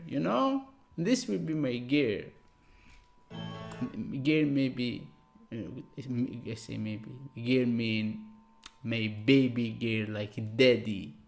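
Slow-talking Algerian man in his thirties. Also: mid-range voice, vocal fry. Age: 30s. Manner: excitable, broken English, frequent exclamations. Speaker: music reaction YouTuber. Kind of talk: casual reaction vlog. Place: small room with blue backdrop. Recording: loud music playing underneath.

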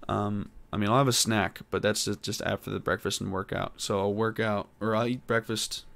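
Young man, podcast host, lowish voice, rambling, hesitant, lots of fillers. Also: creaky. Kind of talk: casual solo podcast monologue.

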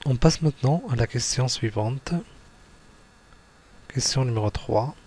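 A man's voice: medium pitch, a little slow, a little mellow, slightly rough. A man teaching young children, going through written exercises and spelling out letters and syllables one by one. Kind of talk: slow classroom exercise walkthrough.

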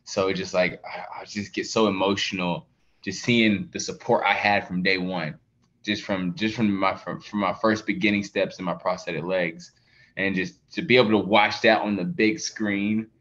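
A man in his thirties, an athlete featured in a documentary, answers interview questions earnestly over a video call from an indoor room with a plain wall. His voice is low and a bit bright, with fairly even intonation and normal speed, and he repeats words and uses many fillers. The video call audio sounds dull and lo-fi.

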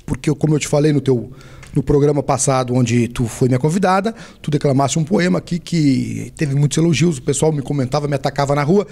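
Man, southern Brazilian gaúcho accent, slightly high pitch, conversational TV host, middle-aged. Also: fast talker, gravelly, dark tone. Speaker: TV show host. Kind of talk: conversational interviewing. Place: small indoor TV studio. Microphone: handheld microphone.

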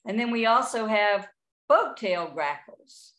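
A woman's voice: medium pitch, animated, a little slow, fairly bright tone. A middle-aged woman, giving a chatty, informal talk on identifying birds, with frequent restarts. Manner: chatty, with frequent restarts and playful bird imitations. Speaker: birding presenter.

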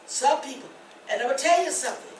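An older woman pastor preaching a testimony sermon, rising to shouts and laughing. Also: high-pitched, lively intonation, fast talker, slight background noise. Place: church. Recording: echoey church from far off.

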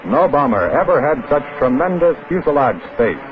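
A man's voice: a little high, sing-song, moderate pace. A man narrating a 1940s newsreel in a dramatic, emphatic announcer style, heard as an old film recording. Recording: tinny lo-fi old film sound with music.

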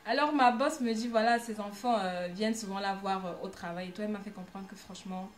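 A young woman vlogging casually, telling anecdotes in an animated, ironic way with lots of hesitations. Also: mid-range voice, fairly quick. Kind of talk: casual storytelling vlog.

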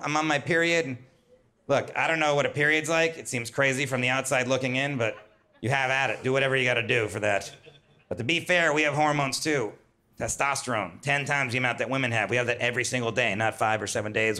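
Male stand-up comic, bright forward tone, wry conversational set on a club stage. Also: mid-range voice. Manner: wry, conversational, jumps to loud put-on whines. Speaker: stand-up comedian. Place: comedy club stage with audience laughter.

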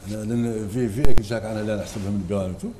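Blunt, lecturing Mauritanian man, quick. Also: fairly low pitch, fairly even intonation, noisy background. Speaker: panel guest. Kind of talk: panel debate on television.

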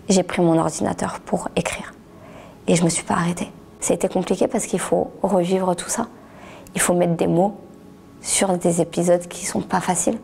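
A middle-aged woman gives a personal testimony in an interview, her low voice heavy with gravel and a dark, mellow tone. She talks haltingly, restarting words and sometimes sinking almost to a whisper. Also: a little hiss or hum. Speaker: author giving a testimony.

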